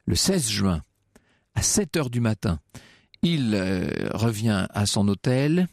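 A man's voice: fairly low pitch, sing-song, takes it slowly, gravelly, darkish tone, no room sound, clean studio sound. A man telling a history story on the radio in a conversational way, hesitant with many fillers and restarts.

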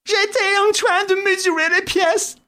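A woman voicing a frightened, bumbling male sidekick in an audiobook, with a very high, quavering, strained voice and drawn-out wailing protests. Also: steady tone, bright, forceful tone, heavily acted. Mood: whimpering. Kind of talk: audiobook character voice.

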